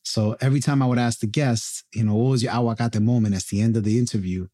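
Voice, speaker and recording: A man's voice: mid-range voice, fairly even intonation, quick pace, warm tone. A man hosting a podcast in casual live chat, informally slipping Spanish phrases into his English. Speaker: podcast host.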